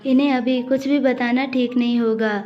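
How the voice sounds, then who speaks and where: A woman's voice: high voice, steady tone, moderate pace, lightly acted. A woman voicing a worried, loyal younger brother who speaks in a thoughtful, concerned way. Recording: dull audio with faint music.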